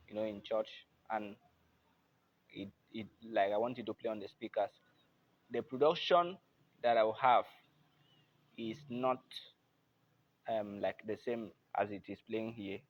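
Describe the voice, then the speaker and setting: A man's voice: lowish voice, phone-quality sound. A man giving a patient, casual step-by-step keyboard tutorial at his instrument. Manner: plain, patient, repeats "I believe you can hear".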